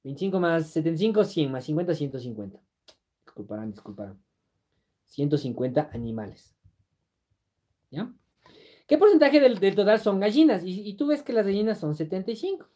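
A woman's voice: on the low side, very animated, fairly quick, pauses often, dark tone. A woman teaching math on a live stream, working through problems step by step, checking in with her students and reading their comments aloud. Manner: explains step by step, keeps checking in with "¿sí?"; reads viewer comments aloud and answers them. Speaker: math exam-prep teacher.

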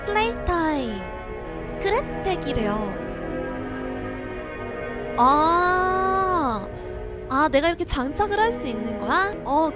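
A woman's voice: extremely high pitch, animated, slow pace, loud music behind the voice. A young woman streaming a horror game, talking herself through it, jumpy and frightened, laughing and shrieking as she plays. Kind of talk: horror game let's play commentary.

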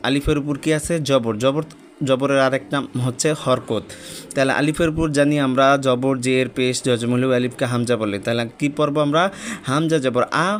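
Patient man spelling syllables aloud. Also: medium pitch. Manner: spells out letters slowly and repeats syllables, patient. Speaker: religious teacher. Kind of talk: step-by-step Quran reading lesson.

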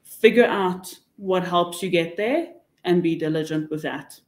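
In an echoey indoor meeting room, a table mic records a young adult woman with a South African accent speaking unhurriedly in a fairly low voice. She's a webinar panelist handing out frank, forceful advice in a relaxed panel discussion.

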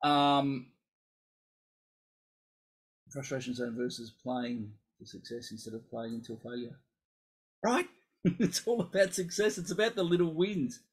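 A man coaching musicians through an emphatic, animated casual talk, often acting out inner voices. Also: medium pitch, a little slow, long pauses, slightly rough, low-quality recording. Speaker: coach for musicians with focal dystonia.

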